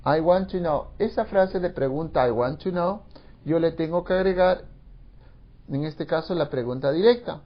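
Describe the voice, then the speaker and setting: A man teaching an English grammar lesson in Spanish, explaining slowly and repeating phrases, with English examples mixed in. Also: fairly high pitch, dull audio.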